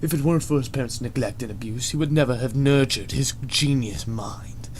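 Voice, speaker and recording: A man with a medium-pitched, brisk voice narrates a fan fiction reading in a dramatic, scripted style. Noise is audible behind his narration.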